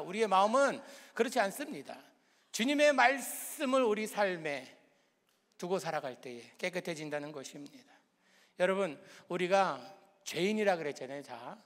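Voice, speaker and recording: Male pastor with a slightly high voice, preaching in a chatty, humorous style, long church-hall echo. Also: fairly bright tone. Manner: conversational preaching with rhetorical questions and humor. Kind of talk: sermon.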